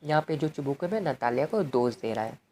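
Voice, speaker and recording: A woman with a low, mellow voice works through a play like a tutor. She reads each line aloud and then explains it in an easy, conversational way. There is a faint hiss of noise behind her. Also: lively intonation, a little fast. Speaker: English literature tutor. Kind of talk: explaining a play in Hindi with English quotes.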